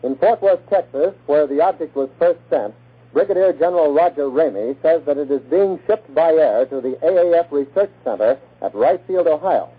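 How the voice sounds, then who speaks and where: A man gives a steady, formal news report in 1940s radio style. The sound comes from a scratchy old archival broadcast, as narrow as a phone line. His voice is husky and sits slightly high. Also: normal speed.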